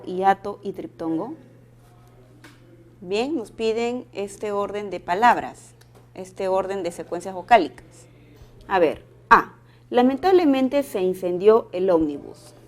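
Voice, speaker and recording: A woman teacher working through exam exercises one by one, reading each question aloud and then explaining the answer. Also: medium pitch.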